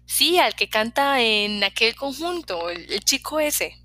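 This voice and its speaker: A woman's voice: fairly high pitch, measured pace, no room sound, exaggerated voice. A woman voicing a talkative, curious young hairdresser who keeps asking questions. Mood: chatty. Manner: talkative, prying, lively questions.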